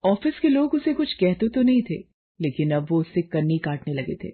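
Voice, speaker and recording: Husky woman narrating a dramatic story. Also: on the low side, big pitch swings, moderate pace. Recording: muffled phone-like lo-fi audio.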